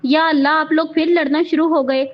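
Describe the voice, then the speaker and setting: Soft-spoken young wife, lightly scolding; a woman reads her with muffled sound. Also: high-pitched, steady tone, a little fast, lightly acted. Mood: gentle. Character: gentle, loving young wife.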